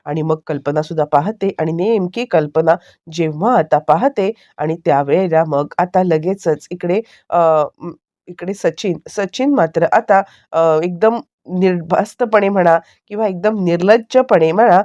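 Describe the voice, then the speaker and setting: Low-pitched woman recapping a TV serial. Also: measured pace, warm tone, dull audio. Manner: fillers and self-corrections, running storytelling. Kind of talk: casual story recap narration.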